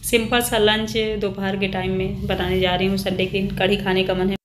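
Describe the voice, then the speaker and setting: A woman's voice: medium pitch, flat delivery, fairly quick. A woman chatting casually with viewers as she cooks in her home kitchen, narrating what she is making. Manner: chatty, addresses viewers as friends. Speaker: home cooking vlogger. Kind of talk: casual cooking vlog narration. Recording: roomy kitchen echo, faint background noise.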